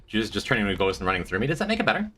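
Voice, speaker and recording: Very animated and very fast, a streamer talks to his chat about the game he's playing, his nasal, congested voice pushed and bright. He rambles on, pokes fun at himself, and breaks into high, squeaky gags.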